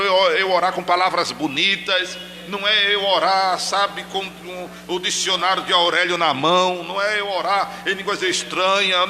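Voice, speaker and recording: Animated preacher in reverb. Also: male voice, high-pitched, slight background noise. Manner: animated preaching, addresses congregation directly, acts out shouted cries. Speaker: pastor. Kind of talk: sermon. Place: church. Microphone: handheld microphone.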